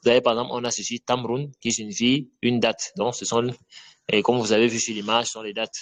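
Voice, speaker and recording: Male teacher, mid pitch, patient and repetitive, online lesson, checks understanding often. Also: flat delivery, a little fast, fairly bright tone. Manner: patient, repeats letter sounds, checks with "d'accord?". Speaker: Arabic teacher.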